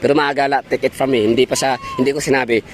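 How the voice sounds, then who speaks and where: A man's voice: mid-range voice, fairly even intonation, rapid-fire, slight background noise. Rambling Bisaya-accented man vlogging outdoors. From Davao, Philippines. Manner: rambling, self-correcting, mixes in English. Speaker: travel vlogger. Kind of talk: casual vlog monologue.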